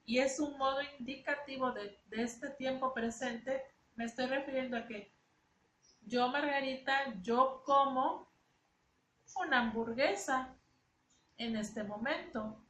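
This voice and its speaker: Female teacher, high voice, explanatory and repetitive delivery, echoey room with faint noise. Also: unhurried, a bit bright. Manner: explanatory, repeats words while teaching. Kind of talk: spoken grammar lesson.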